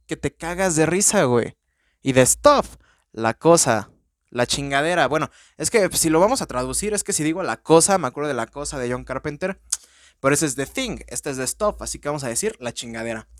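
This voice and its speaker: Profane, excitable Mexican man, slightly high. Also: dry recording, studio quality. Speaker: podcast host. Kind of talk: casual movie-review monologue.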